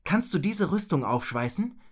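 A man voicing an eager young robber boy in a storybook, high and bright. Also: big pitch swings, normal speed.

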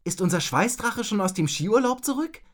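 A man voicing an eager young robber boy in a storybook, high and bright. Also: lively intonation, normal speed.

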